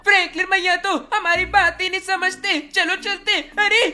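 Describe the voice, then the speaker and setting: Shinchan, a squeaky pleading little boy, voiced by a man, bright and shrill. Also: little pitch movement, moderate pace, heavily acted. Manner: whiny and pleading, high-pitched. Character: cheeky scared little boy. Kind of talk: Hindi GTA role-play dub.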